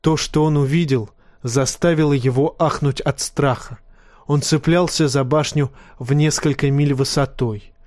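A man reading a fantasy novel aloud in steady, even audiobook narration. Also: on the high side, measured pace, no echo, clean studio sound. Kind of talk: scripted narration.

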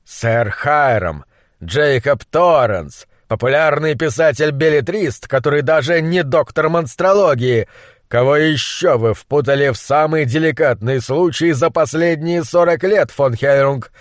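A man's voice: on the high side, a little slow, no echo, studio quality, close to an everyday voice. A man voicing a brilliant, bitter monster scientist who speaks with acid sarcasm. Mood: scornful. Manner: acid, sardonic.

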